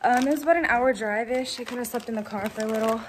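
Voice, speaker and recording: A woman's voice: on the high side, fast talker. Teenage girl, casual vlog chat, rambling, filler words, phone mic, audible noise. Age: teens. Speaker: vlogger, show choir member.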